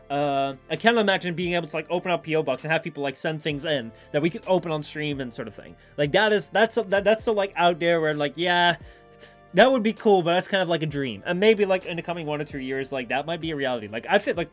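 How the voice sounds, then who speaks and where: A man's voice: a little high, a bit bright. A man live streaming in a casual, rambling, informal chat with his viewers.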